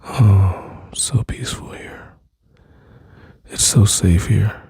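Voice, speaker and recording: Man, dark husky voice, intimate soothing whisper-talk, dry close mic. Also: sits low, dry recording. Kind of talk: soft-spoken ASMR comfort roleplay.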